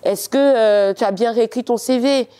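A young woman from Cameroon with a slightly faded Cameroonian French accent, a guest telling her story in a lively, teasing and insistent way. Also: on the high side, moderate pace. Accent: Cameroonian French, partly faded. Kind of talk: casual interview talk.

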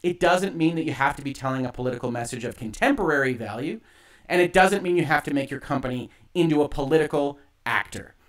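A man hosting an online show, giving emphatic, argumentative opinion commentary in deliberate phrases, with echo on his livestream audio. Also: a little high, expressive.

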